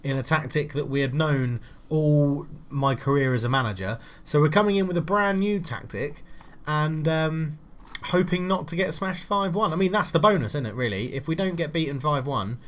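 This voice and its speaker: A young man giving casual, frustrated commentary while playing a football management game, swearing and shouting at his players. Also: on the high side, normal speed. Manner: frustrated, swears, loud outbursts at his team. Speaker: gaming channel host.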